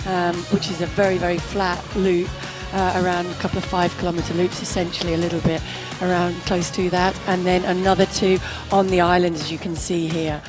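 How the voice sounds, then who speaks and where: A woman's voice: fairly low pitch, little pitch movement, a little fast, over music. A woman presenting and commentating on a road race in a friendly, explanatory way.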